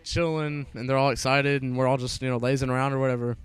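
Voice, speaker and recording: A man's voice: medium pitch, level tone, quick pace, clear, resonant tone, soft background music. A young man in his late teens telling a rambling, profane school story while playing a game. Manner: casual, profane, rambling with restarts. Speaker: gaming vlogger. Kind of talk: rambling storytelling over gameplay.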